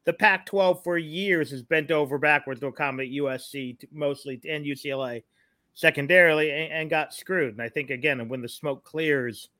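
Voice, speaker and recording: Male podcast sports analyst, punchy bright tone, dry sound, conversational and explanatory. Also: a little high, normal speed, dry recording.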